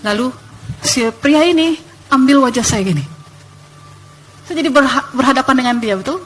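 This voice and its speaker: A young woman telling her testimony in church, animated and emphatic, addressing the congregation. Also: high-pitched, moderate pace, slight background noise.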